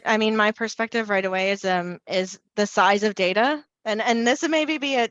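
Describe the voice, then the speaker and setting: Woman panelist, video call, dry close sound, slightly muffled, brisk and energetic. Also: mid-range voice, no room sound. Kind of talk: online panel discussion.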